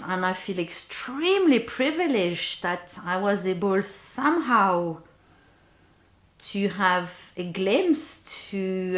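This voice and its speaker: A woman who works as a bereavement guide tells a personal story to the camera, slowly and reflectively, often pausing to search for words. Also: on the low side, fairly bright tone. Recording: roomy echo.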